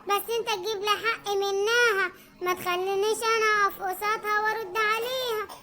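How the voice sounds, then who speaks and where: A woman's voice: extremely high pitch, steady tone, fairly quick, a crowd in the background. A woman with an Egyptian accent playing an aggrieved wife in a comic family skit, sarcastic and complaining. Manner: sarcastic, complaining, sighing for patience. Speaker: content creator playing the wife.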